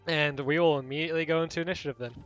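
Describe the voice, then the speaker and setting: Man, game master, bright voice, casual narration with fillers, a bit muffled. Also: fairly high pitch, fairly even intonation, very fast, faint music behind. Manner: loose, conversational narration with fillers.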